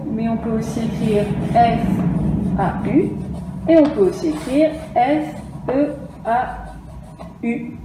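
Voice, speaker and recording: A woman's voice: a little high, mellow. A woman teaching phonics to young children in a remote lesson, spelling out letters one at a time with patience. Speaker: primary school teacher. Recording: echoey room with faint noise.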